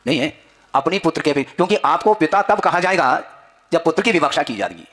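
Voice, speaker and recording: A man's voice: a little high, lively intonation, fast talker, a bit bright. A man giving a spiritual discourse as a wise religious teacher, instructing his listeners with rhetorical questions and repeated phrases.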